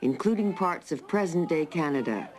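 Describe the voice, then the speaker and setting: Measured male documentary narrator. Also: fairly high pitch, animated, over music, low-quality recording. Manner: measured, formal delivery.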